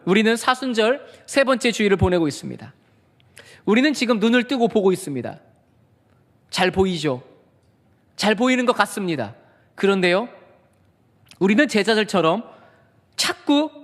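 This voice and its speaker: A man with a very high voice preaches from the pulpit of a large church. He keeps asking the congregation questions and answering them himself. A long hall reverb trails after each phrase. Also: fairly bright tone. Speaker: senior pastor. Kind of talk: sermon.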